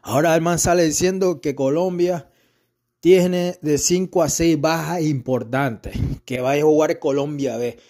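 A man's voice: on the high side, measured pace, dark tone. A man with an Ecuadorian accent giving a heated, profane rant about football. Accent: Ecuadorian Spanish. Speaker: football fan commentator. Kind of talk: angry rant.

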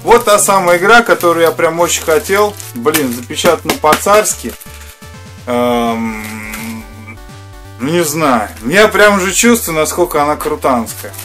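A man's voice: fairly high pitch, expressive, a little slow, a bit bright, soft background music. A man in his thirties hosting a casual unboxing vlog in a small room, rambling in slangy, mildly sweary speech. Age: 30s. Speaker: host of a retro games channel. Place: small furnished room indoors.

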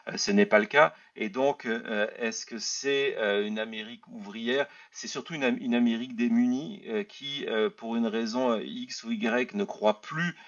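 A man hosting a live political talk show, explaining in a halting way and often repeating words. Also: medium pitch. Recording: slightly dull, lo-fi audio.

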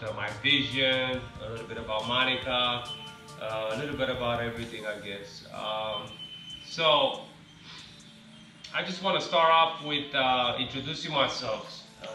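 This mid-range, bright, forceful male voice belongs to a car-building vlogger from Romania. Speaking loosely and thoughtfully with many fillers, he's captured from afar by a camera set on a ladder in his big, echoing home garage.

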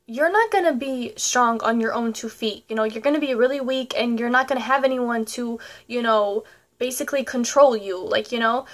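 A young woman vlogger giving life advice to her viewers in a chatty, repetitive way, often adding "you know" and "okay". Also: on the high side. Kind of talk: casual advice vlog.

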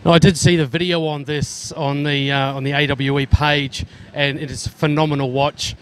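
Holding a handheld mic, an Aussie man in his thirties interviews exhibitors amid the bustle of an indoor trade show, calling people "mate" in a chatty, friendly way. His high-leaning voice comes across flat at normal speed, with a little hiss or hum in the recording.

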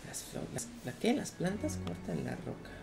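A woman's voice: on the low side, big pitch swings, moderate pace, creaky, loud music behind the voice. A woman with a Mexican accent giving casual, profane commentary while playing a video game, repeating herself as she rants. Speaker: gaming streamer.

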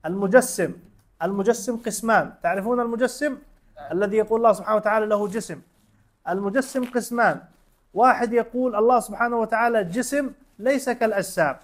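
A man teaching a religion class, explaining step by step with everyday examples and quizzing his students with short questions. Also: very high-pitched. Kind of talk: classroom lesson.

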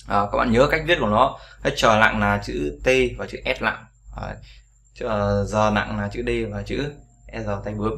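Man, pronunciation teacher, bright sharp tone, repeats sounds, casual tutorial. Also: on the low side, fairly even intonation, normal speed, gravelly. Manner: repeats each sound many times, with frequent fillers.

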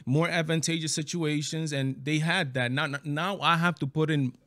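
A middle-aged man from the Dominican Republic, talking over a video call in a halting, emphatic way with many restarts, on a headset mic in a small room. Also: on the high side, steady tone, a bit bright, dry recording, clean studio sound. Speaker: show host. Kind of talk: casual debate on a video call. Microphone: headset and studio mic.

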